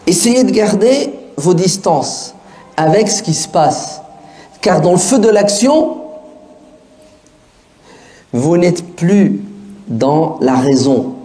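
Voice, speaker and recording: Man preaching casually in an echoey room. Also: on the high side. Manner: lively, street-casual, many rhetorical questions. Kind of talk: colloquial sermon to an audience.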